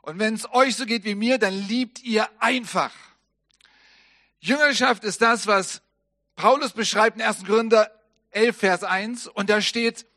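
A man with a fairly high voice preaches a sermon, telling the story vividly and acting out the lines he quotes. At solemn moments he sinks into a soft, low tone. The sound is dry and close, with no room echo. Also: fairly even intonation, measured pace.

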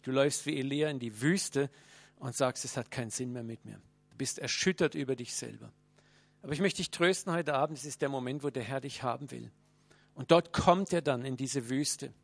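A man preaching a sermon, speaking earnestly and directly to his listeners, swinging between loud and hushed. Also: medium pitch, moderate pace, creaky, dry recording, faint music behind.

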